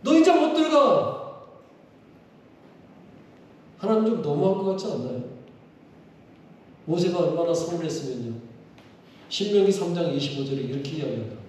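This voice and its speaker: Pastor guy preaching, kinda high voice, lots of questions to the crowd, big echoey church picked up from far back. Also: a little fast, pauses often. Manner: animated, asks the congregation many rhetorical questions. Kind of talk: sermon. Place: church sanctuary during a service. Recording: echoey hall from far off, faint noise.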